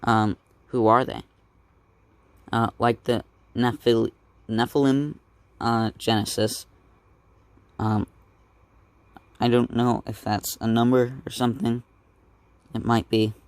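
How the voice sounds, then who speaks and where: A man reading a comic aloud in a casual way, halting often and correcting himself as he stumbles over words. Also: medium pitch, flat delivery, clear, resonant tone, no echo. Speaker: comic book reader.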